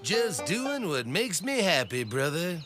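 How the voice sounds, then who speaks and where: A voice actor playing a playful, imaginative young monster boy who speaks earnestly and gently. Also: medium pitch, big pitch swings, unhurried. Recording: cartoon with loud music behind.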